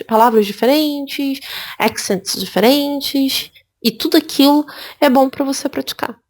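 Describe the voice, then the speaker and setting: Lively Brazilian woman teaching. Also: high-pitched. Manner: lively, repeats words for emphasis. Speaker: English teacher. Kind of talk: spoken lesson.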